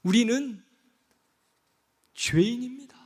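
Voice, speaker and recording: Guy pastor with a really high voice, preaching with feeling, soft then loud, long church echo. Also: breathy edge. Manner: impassioned, swings between soft and loud, slows on key phrases. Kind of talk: sermon. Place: church sanctuary. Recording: long hall reverb.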